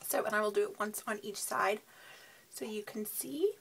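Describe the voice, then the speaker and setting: A woman giving a casual beauty product demo, sounding tired and sleep-deprived, with a husky, creaky voice. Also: mid-range voice, moderate pace, fairly bright tone, slight background noise. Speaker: beauty reviewer.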